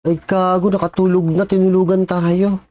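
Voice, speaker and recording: A man's voice: sits high, flat delivery, normal speed, a little mellow, no echo. A man giving casual reaction commentary on a video, chatting to viewers and cursing when startled. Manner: jumpy, exclaims and curses when startled.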